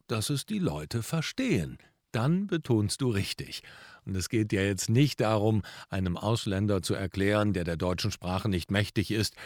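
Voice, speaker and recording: A man hosting a coaching podcast, talking straight to the listener with emphatic stress and shifts between loud and soft. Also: on the low side, no echo, studio quality. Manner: addresses listener directly, emphatic, shifts loudness to demonstrate. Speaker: podcast host and professional speaker.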